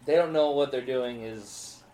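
A man's voice: medium pitch, a little slow, warm tone, echoey room. A young man, a stand-up comedian, chatting casually and telling a rambling story full of fillers and restarts. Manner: rambling storyteller, many fillers and self-interruptions. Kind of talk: casual podcast chat.

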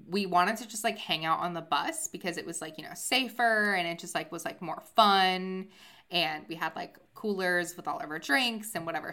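A young woman co-hosting a casual podcast, rambling with enthusiasm and poking fun at herself. Her voice sits on the lower side but sounds bright and forward. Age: young adult. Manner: enthusiastic, rambling, self-deprecating. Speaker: podcast co-host. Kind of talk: casual chat.

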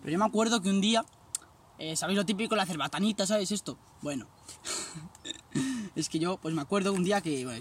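A man's voice: high-pitched, far from the mic, a little hiss or hum. A young man, rambling through casual anecdotes and constantly saying "sabes". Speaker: guest. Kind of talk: casual chat, telling anecdotes.

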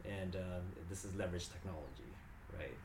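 Very deep-voiced guest in an echoey room. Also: male voice, fairly quick. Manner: eager explaining with "um" hesitations. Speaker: podcast guest. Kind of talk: casual interview talk. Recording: roomy echo with background noise.

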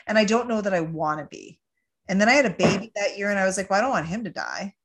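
A woman's voice: mid-range voice, expressive, fast. Chatty Canadian woman in her forties. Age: 40s. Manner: chatty, jokey, recaps the film plot. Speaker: podcast host. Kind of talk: casual chat.

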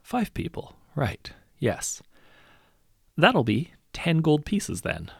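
A man lifts his voice into a greedy hero turned lord, falsely polite and quietly menacing. The sympathy rings hollow, the voice is gravelly and moves a lot. The sound is dry and close. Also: a little high, wildly swooping pitch, takes it slowly, no room sound, voice pushed up, heavily acted. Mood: smug.

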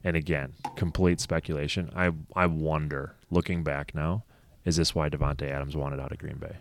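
A man's voice: a bass voice, fairly even intonation, moderate pace. A man co-hosting a podcast, chatting casually about football, laughing often and going off on asides. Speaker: podcast co-host. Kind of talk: casual sports chat.

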